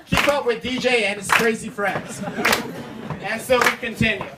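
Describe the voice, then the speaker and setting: A man's voice: very high voice, fairly even intonation, moderate pace, heavy background noise. A young man giving a playful best man's wedding toast, switching between speech and comic sung verses. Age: young adult. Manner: playful, performing to the guests. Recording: distant mic, loud music behind.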